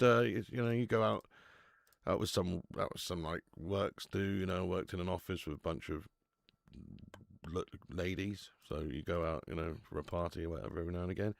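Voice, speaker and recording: Low-pitched and creaky, this thirties-aged man's voice comes through a dry, clean studio recording. He's running a football watch-along, joking around with his chat, laughing a lot and cursing without restraint in relaxed live-stream conversation.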